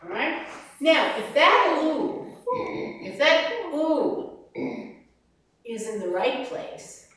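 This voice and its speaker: A woman vocal coach teaching a master class, animated, demonstrating sounds and sung lines. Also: high-pitched, very slow, long pauses. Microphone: distant room mic. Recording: very echoey room from far off.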